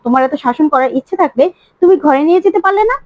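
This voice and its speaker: A woman voicing a father who calmly reproaches his wife. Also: high-pitched, racing, dry recording. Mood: reproachful. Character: young man's father, calm and reproachful.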